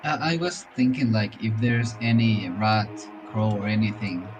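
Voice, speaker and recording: Lowish-voiced man, off-mic under music. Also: normal speed, lo-fi sound. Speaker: tabletop game player. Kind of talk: casual table chat. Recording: distant mic, music over voice.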